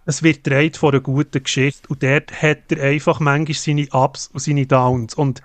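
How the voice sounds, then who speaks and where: A man, co-hosting a casual film review podcast, talking haltingly with many fillers and restarts. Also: on the high side, level tone, no room sound. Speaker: podcast co-host.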